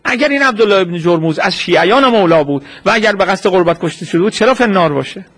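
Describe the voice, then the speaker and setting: A man giving a sermon as a story, posing rhetorical questions and answering them himself. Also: high-pitched. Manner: acts out quoted speech in a lively retelling. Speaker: preacher.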